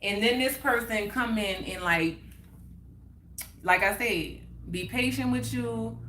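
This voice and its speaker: A woman hosts a relaxed chat and tells a story from her own life with lively animation. She repeats key phrases for emphasis and slips into other people's words as she retells them. The sound is roomy, with faint ambience behind her. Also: a little high, slow pace, a little hiss or hum. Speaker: livestream host.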